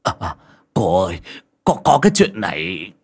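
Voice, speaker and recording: A sleazy village shaman, as a storyteller plays him, drags out his words low and slow. His voice sits deep and a little distant, and he is greedy, lecherous and quick to grovel. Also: expressive, fairly bright tone, full character voice. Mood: pleading. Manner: sneering drawl, later whimpering.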